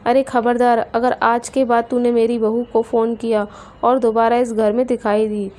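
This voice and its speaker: A sharp-tongued, scolding mother-in-law from a storybook, as a woman narrator puts her on. The voice sits fairly high but sounds mellow and soft-edged, and she talks down to everyone with taunts. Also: flat delivery, moderate pace, lightly acted. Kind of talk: storybook character voice.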